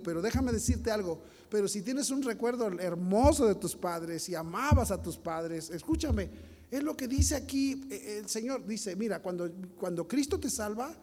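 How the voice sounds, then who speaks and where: A man's voice: sits high, darkish tone, long reverb tail. A man, a pastor telling a childhood story in his sermon and speaking straight to the congregation. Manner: storytelling, addresses congregation directly.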